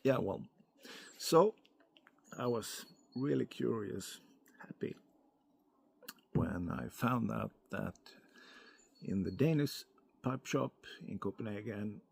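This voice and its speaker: A man giving a casual, unscripted product review in a hesitant, halting way, as if thinking aloud. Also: lowish voice, animated, creaky, a little mellow, husky. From Europe. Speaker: pipe tobacco reviewer.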